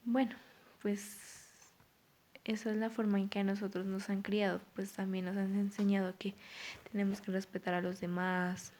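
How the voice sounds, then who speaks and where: A woman's voice: mid-range voice, level tone, normal speed, a little mellow. A woman gives a spoken class presentation, with frequent "pues" fillers. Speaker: student presenting an assignment.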